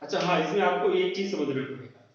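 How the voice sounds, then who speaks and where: A male English teacher giving a classroom grammar lesson, explaining slowly and answering his own questions at a board. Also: high voice, expressive, a little hiss or hum. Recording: roomy echo, distant lo-fi mic.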